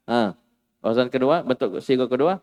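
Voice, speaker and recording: A man teaching an Arabic grammar lesson in a classroom, lively and animated, acting out exclamations for his students. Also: mid-range voice, normal speed, long reverb tail. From Indonesia.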